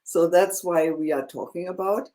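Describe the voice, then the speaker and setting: A German teacher with a mellow, lowish voice gives a one-on-one language lesson. She explains slowly, using many fillers and checking in with "yeah?"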